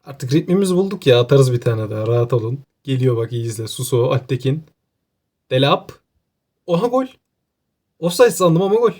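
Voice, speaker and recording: A man with an Aegean Turkish accent giving casual, joking gameplay commentary, excitable and talking to himself. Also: mid-range voice, a little fast. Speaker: gaming YouTuber.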